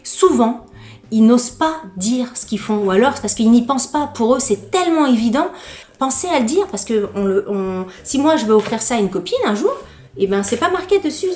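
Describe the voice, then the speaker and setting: A fairly high-voiced woman chatting away in a casual unboxing, candid and gushing, tripping over her words as she goes. Her voice rings around an echoey room. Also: a little fast. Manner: gushing excitement. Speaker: lifestyle vlogger.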